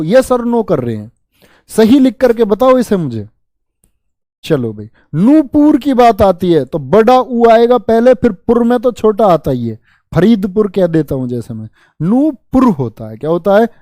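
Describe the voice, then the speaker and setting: A man's voice: high-pitched, sing-song, unhurried, warm tone, no echo, clean studio sound. A man with a north Indian Hindi accent teaching an exam-prep lesson online, drilling word spellings, repeating each word and quizzing his students in a chummy way. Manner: chummy, calls students bhaiya and bachcha.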